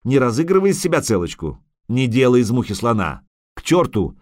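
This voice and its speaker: A man voicing a coarse, loud male mercenary who curses and shouts. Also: medium pitch, sing-song, a little fast, no echo, studio quality, close to an everyday voice. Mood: mocking. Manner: rough, swearing, shouting.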